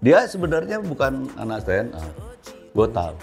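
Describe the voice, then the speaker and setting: A man's voice: mid-range voice, big pitch swings, normal speed, gravelly, soft background music. A man acting as an audition judge, giving teasing, slangy banter.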